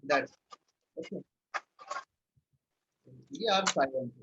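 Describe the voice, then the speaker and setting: A man's voice: fairly high pitch, slow. A young man with an Indian English accent teaching a live language lesson, patiently repeating words and checking in with "right?" and "okay". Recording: dull lo-fi stream audio with faint noise.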